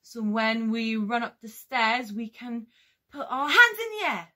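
A woman with a British accent leading a music lesson for toddlers, singing and telling a story in a slow, exaggerated way. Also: fairly high pitch, big pitch swings, bright, forceful tone. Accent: British English. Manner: sing-song, slow and exaggerated for small children. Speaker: children's music teacher. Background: guitar music.

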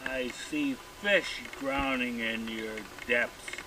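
A man voicing a lonely, jealous male mountain who is courting a lake, speaking in loud proclamations. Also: mid-range voice, slow. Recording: distant mic, outdoor noise.

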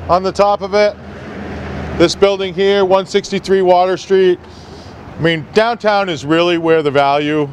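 Middle-aged man, slightly high voice, guiding a street tour with a handheld mic, faint traffic around. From New England. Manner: loose, figure-heavy explaining with fillers. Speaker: tour guide. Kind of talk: outdoor walking tour talk. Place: outdoors on a town street. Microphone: handheld mic, filmed by a nearby camera. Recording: faint street noise outdoors.

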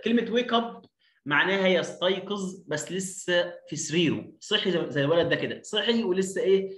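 A man's voice: a little high, fairly bright tone. Egyptian man drilling English words, roomy. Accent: Egyptian Arabic. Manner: drills words by repeating them, emphatic. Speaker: English phonics teacher. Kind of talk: online lesson. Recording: roomy echo.

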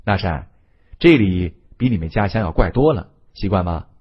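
A man narrating an audiobook voices a confident, shrewd young male leader in a calm, reasoning way, a little lower than his own voice. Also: moderate pace, breathy edge, dull audio. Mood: musing.

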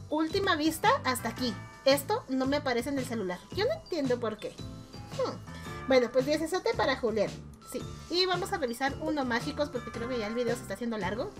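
A woman with a Mexican Spanish accent, chatting casually and teasingly as she rates her friends' game profiles, laughing often. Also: high voice. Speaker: gaming YouTuber. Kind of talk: casual chat while rating game profiles.

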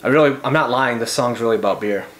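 A man's voice: mid-range voice, quick pace, roomy sound. A man in his forties chatting casually in short, laid-back remarks, as in a home review video filmed in a small room. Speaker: beer reviewer and vlogger. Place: small bedroom, indoors.

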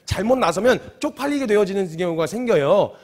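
Fast-talking, husky male preacher. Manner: animated storytelling, swings from loud outbursts to low asides. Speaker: missionary preacher. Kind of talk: sermon.

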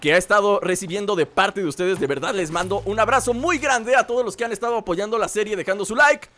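A man's voice: high-pitched, fast, a bit bright. A man with a Latin American Spanish accent, joking and exclaiming his way through live gameplay commentary. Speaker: gaming video host.

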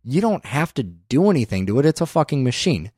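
A man co-hosting a casual film podcast, talking animatedly, swearing often and acting out scenes in quick voices. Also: medium pitch, sing-song, darkish tone, no room sound, studio quality. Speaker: podcast co-host.

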